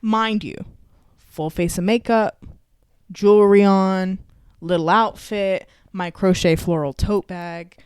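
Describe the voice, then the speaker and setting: A woman from Texas hosting a podcast, telling a story in casual chat, animated and swearing a lot. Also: mid-range voice, slow, clear, resonant tone, no room sound, studio quality. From suburbs of Houston, Texas. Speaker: podcast co-host.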